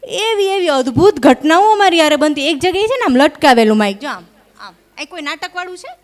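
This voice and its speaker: A woman's voice: high-pitched, very animated, brisk. A young woman comedian, doing live stand-up at a microphone and teasing the audience in a chatty way. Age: young adult. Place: live stage at an event hall. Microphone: stage microphone.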